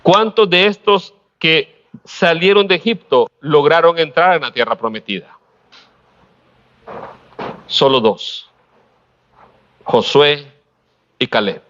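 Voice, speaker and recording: A man preaching a sermon, pausing often and asking rhetorical questions with a light laugh now and then. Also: fairly high pitch, a bit bright, dull audio. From Honduras.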